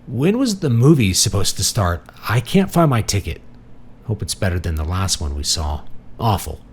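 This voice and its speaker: A male narrator voices a confused old storybook character who is giggly, self-amused, and muddled. He rambles with highly animated, swooping pitch at normal speed, with slight background noise.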